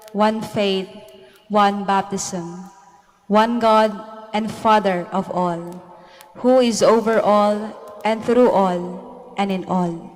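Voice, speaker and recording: Female lector, young; solemn, slow scripture reading in reverberant church. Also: mid-range voice. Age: young adult. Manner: careful, formal phrasing. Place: large church, at the lectern. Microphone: handheld microphone held close.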